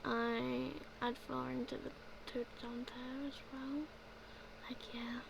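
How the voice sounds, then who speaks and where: Speaking slowly in a level tone with vocal fry, a young woman with a high voice rambles through a casual gameplay voice-over for her gaming videos. She fills pauses again and again with "like, yeah," while the background stays noisy.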